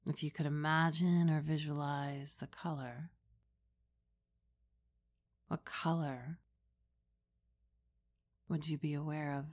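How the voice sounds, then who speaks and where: Female meditation guide, low register, very slow and soothing, gentle guided-relaxation delivery. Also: steady tone.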